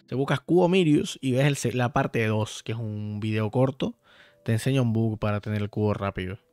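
A man's voice: lowish voice, normal speed, darkish tone, dry recording. A man streaming a video game, chatting casually and playfully with viewers and swearing freely. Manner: profane, playful, talks to chat directly. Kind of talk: casual live-stream chat while playing. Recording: dry sound, faint background music.

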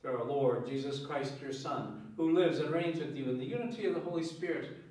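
A man, a priest, leading Mass in a measured, solemn way, his voice ringing with cathedral echo. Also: a little high, a little mellow. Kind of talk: liturgical prayer and scripture reading. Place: large reverberant church. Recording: heavy church echo, mic far off.

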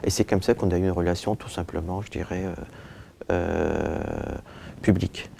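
A man's voice: deep voice, steady tone, normal speed, vocal fry, dark tone, a little hiss or hum. A man in his forties, born in Turkey and raised in France, answering interview questions in an office, hesitating with fillers, then pressing his points. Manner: frequent "euh" and "je dirais" fillers, hesitant then emphatic. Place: indoor office with bookshelves. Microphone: lapel mic.

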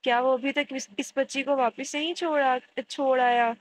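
A stern, domineering middle-aged father who scolds and commands , voiced by a woman reading aloud. His lines keep a high pitch. A faint hiss sits behind the recording. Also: fairly even intonation, lightly acted, low-quality recording.

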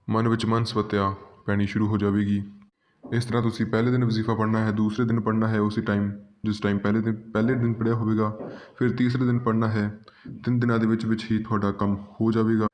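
Low, flat-voiced man teaching. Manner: calm, repetitive, addresses listeners as friends. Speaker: channel host giving religious instruction. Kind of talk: spoken instruction to viewers.

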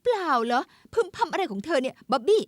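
An actress dubbing a nosy, pushy sister-in-law who scolds and pries. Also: female voice, high-pitched, animated, fast, no room sound, studio quality. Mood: prying. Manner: prying, scolding. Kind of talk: Thai dub of Indian comedy series.

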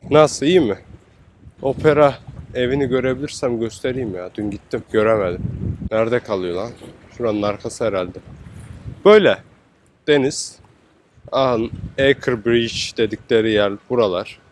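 A man's voice: mid-range voice, normal speed, long pauses, rough recording. A man making a casual walking travel vlog outdoors in a windy seaside city, chatty and slangy, exclaiming at the sights. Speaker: travel vlogger.

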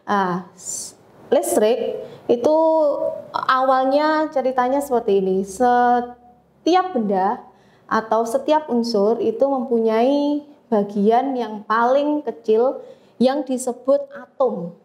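A woman teaching a physics lesson, explaining step by step with frequent pauses and fillers. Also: a little high, a little mellow. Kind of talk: classroom lecture.

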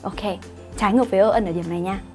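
A woman's voice: mid-range voice, rapid-fire, soft background music. A woman English teacher, explaining grammar in an online lesson and often asking her students whether they follow. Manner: explains patiently, asks "right?" to check understanding.

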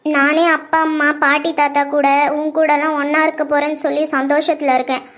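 Woman voicing a scared young girl, high and timid. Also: little pitch movement, fairly quick, a bit bright, muffled recording. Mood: wistful. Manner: hesitant, pleading. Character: timid teenage girl, anxious younger sister. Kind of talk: web-series horror drama acting.

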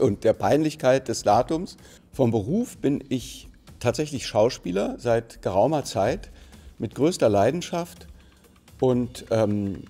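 This middle-aged man from Berlin, Germany, speaks with a warm, medium-pitched voice that has a breathy edge and a light Berlin accent. He is an actor answering on-camera questions for a museum anniversary, seated mid-shot in a plain, bright studio, thoughtful and hesitant with lots of fillers and restarts.

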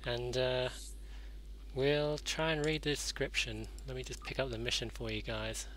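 A man's voice: medium pitch, steady tone, moderate pace, a bit bright, slight background noise, low-quality recording. A young man hosting a gaming show in casual let's-play commentary, rambling with fillers and self-corrections.

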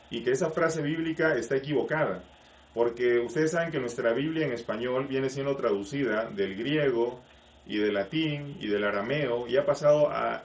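A man coaching an online audience in a live stream, explaining patiently and tossing out rhetorical questions. His voice sits at an ordinary pitch. He sounds a little distant from the mic, with noticeable room echo around him. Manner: explanatory, uses rhetorical questions, greets viewers by name. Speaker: life coach and spiritual teacher.

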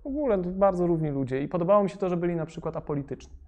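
A young man, a rapper, talking casually in an interview, hesitant with many fillers and restarts but lively when he gets going. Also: high-pitched, very fast. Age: young adult.

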